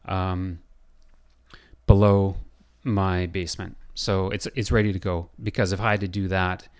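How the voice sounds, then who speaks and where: A building designer walks through a software design tutorial, thinking aloud with many pauses and fillers. His voice is low, hoarse and scratchy, as if he's losing it, and his delivery is flat.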